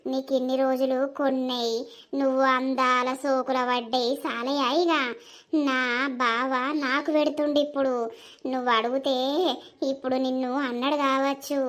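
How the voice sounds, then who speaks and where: A gruff scheming woman. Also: high-pitched, a bit bright, pitched below the performer's own voice. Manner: scornful, bossy.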